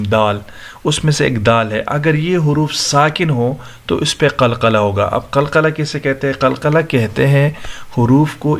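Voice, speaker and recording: A man teaching Quran recitation, reciting verses in a slow, drawn-out melody and then explaining the rules in quick conversational speech. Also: medium pitch. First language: Urdu. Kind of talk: Quran recitation and tajweed lesson.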